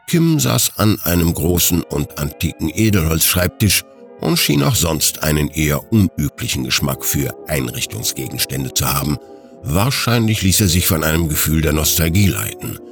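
A man narrating an audiobook story with expressive, scripted storytelling. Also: low-pitched.

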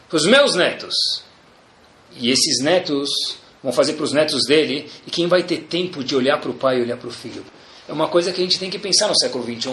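A man's voice: medium pitch, a bit bright, slight background noise. A man with a Brazilian Portuguese accent giving a religious lecture as a rabbi, emphatic and colloquial, asking rhetorical questions and repeating key phrases. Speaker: rabbi giving a Torah class. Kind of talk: religious lecture, sermon with storytelling.

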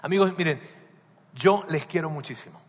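A man's voice: fairly high pitch, moderate pace, breathy edge. A man preaching a sermon as a pastor, emphatic, who keeps asking his listeners direct questions. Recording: long reverb of a large hall.

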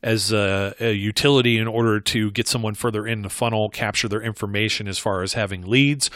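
A man's voice: on the low side, steady tone, a little fast, a bit bright, no room sound, studio quality. A man talking through marketing advice in a casual, rambling way, often restarting and correcting himself. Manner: rambling, conversational, frequent self-corrections.

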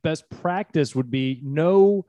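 A man's voice: a little high, slow pace, mellow, no echo. Casual, agreeable man in a dry room. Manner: agreeable, informal, interjects short affirmations. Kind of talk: casual explanatory chat.

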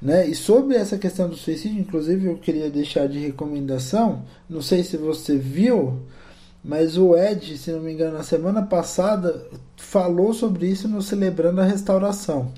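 A man's voice: a little high, normal speed, dark tone. A man co-hosting a casual talk show, explaining his view thoughtfully. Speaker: podcast co-host. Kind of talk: casual conversation.

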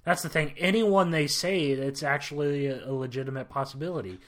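A man's voice: a little high, fairly even intonation, fairly quick, fairly bright tone. A man co-hosting a podcast, talking casually with a wry, curmudgeonly edge. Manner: wry, self-described curmudgeon. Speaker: podcast co-host. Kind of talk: casual chat.

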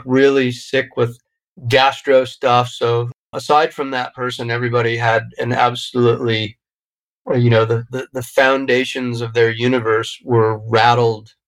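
A middle-aged man speaks as an interview guest, pitched at an ordinary level for a man. He tells his story in a reflective, heartfelt way, often restarting his sentences. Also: rough recording. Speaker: podcast guest. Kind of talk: interview conversation.

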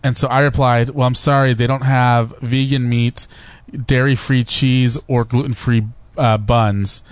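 A man's voice: medium pitch, level tone, measured pace, no room sound. A man hosting a radio show, steering the talk and reading news items with a wry, joking tone. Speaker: radio host. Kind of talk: casual radio banter.

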